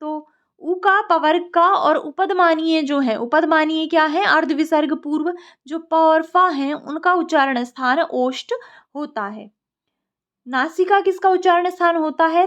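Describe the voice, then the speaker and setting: A woman leads an exam revision lecture on Sanskrit grammar. She recites each rule slowly and then explains it in plain words. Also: high-pitched.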